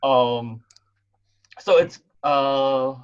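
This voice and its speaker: A man at an ordinary middle pitch runs a tabletop game as game master on an online call. He narrates slowly and smoothly, relaxed and thinking out loud, and the call audio comes through muffled and lo-fi.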